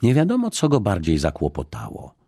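Very deep-voiced male audiobook narrator. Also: huge pitch swings, a little fast, gravelly, mellow, breathy edge, no echo, studio quality. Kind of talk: scripted narration.

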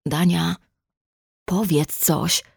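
A woman's voice: fairly low pitch, moderate pace, a little mellow, no room sound, clean studio sound. A woman voicing a guilt-ridden young man in love, who pleads in a breaking voice in an audiobook. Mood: pleading.

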